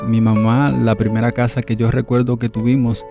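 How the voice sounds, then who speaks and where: A man's voice: mid-range voice, level tone, moderate pace, vocal fry, highs cut off, loud music behind the voice. A middle-aged man from the Republic, a radio guest telling memories in a thoughtful, hesitant way with many fillers. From Dominican Republic. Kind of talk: reflective interview storytelling.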